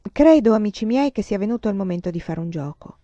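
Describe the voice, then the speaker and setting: A woman's voice: mid-range voice, animated, fast, dark tone, no echo, muffled recording, natural voice. A woman voicing a sly man who teases his guest with mock-flowery praise. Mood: teasing. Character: sly, teasing man host at dinner.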